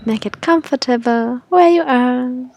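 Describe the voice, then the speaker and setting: High, slow, breathy female meditation guide. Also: darkish tone, dry recording.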